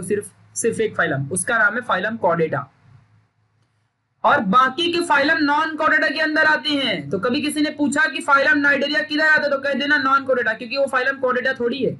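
Young male tutor, forceful and sharp-toned, drilling and scolding through a recorded lesson. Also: very high-pitched. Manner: emphatic, drills and repeats points; stern, scolding pep talk. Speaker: teacher. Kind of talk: recorded online science lesson.

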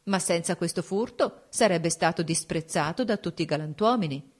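A woman's voice: fairly low pitch, moderate pace, a little mellow, lightly acted. A woman reading an audiobook, voicing a shrewd, composed court duchess who speaks frankly and persuasively.

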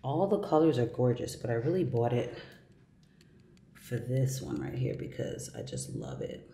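Chatty mom vlogging on a handheld camera. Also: female voice, rumbling low, huge pitch swings, moderate pace, gravelly, dark tone, a little hiss or hum. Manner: chatty, playful, talks to baby and kids. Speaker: vlogger and mother. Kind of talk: casual family vlog narration. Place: hotel room, lobby and city streets.

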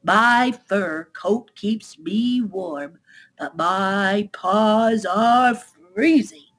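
A woman voicing a friendly, chilly otter in a children's storybook, talking in a drawn-out manner. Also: mid-range voice, fairly bright tone.

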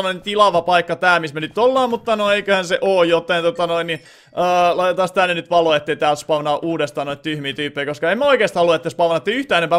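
A young Finnish man talking through a game session out loud, thinking aloud with lots of filler sounds. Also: sits high. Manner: bursts into loud excited shouting. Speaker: gaming channel host. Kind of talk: Let's Play commentary.

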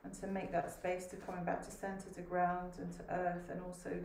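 A woman panelist on a video call giving a calm, thoughtful answer. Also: fairly low pitch, brisk. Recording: distant echoey room, faint noise.

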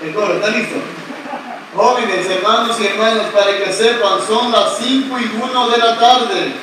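A high-voiced priest, not Puerto Rican, preaches a sermon at a retreat Mass in a large open-air covered pavilion, joking playfully with the congregation and leading call-and-response. He speaks at normal speed with fairly even intonation. The camera sits far back among the congregation, so the sound is echoey, distant, and noisy.

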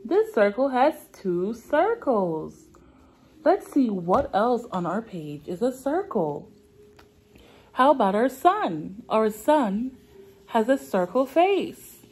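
This is a children's read-aloud lesson in a classroom, led by a young woman acting as a preschool teacher. Her slightly rough voice sits on the high side with a darkish tone, and she keeps her phrases simple, repeated and stretched.

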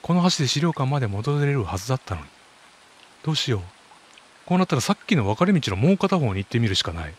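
A caring, protective young heroine from a horror game, read by a man in his plain speaking voice. His pitch stays in a middle range with no exaggeration. A colors the reading. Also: sing-song, quick pace, a little hiss or hum, lightly acted. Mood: resolute. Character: caring young woman heroine, older-sister type.

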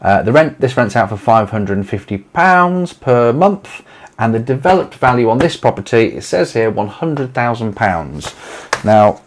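A man's voice: mid-range voice, sing-song, measured pace. A man in his forties with an East Midlands English accent, chatting casually to camera from a small home office, rambling with lots of fillers and restarts. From England. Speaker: letting agency owner.

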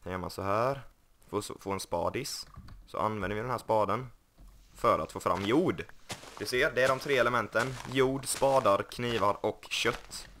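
A young gaming YouTuber gives casual Let's Play commentary in a fairly low, slightly bright voice, joking, mocking himself, and putting on silly voices. There's slight background noise.

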